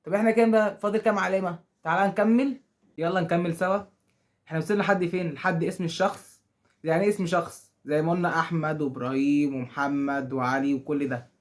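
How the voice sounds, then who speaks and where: Speaking quickly in a fairly high, steady tone, this Egyptian Arabic-accented man is teaching grammar to schoolchildren. He repeatedly asks questions and supplies the answers himself, even voicing the objections his pupils might raise.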